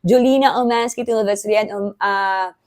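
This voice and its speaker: A Filipino woman vlogging in a casual, excitable way, chatty and quick to laugh. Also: medium pitch. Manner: chatty, excitable, code-switching, laughs often. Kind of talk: casual vlog chat.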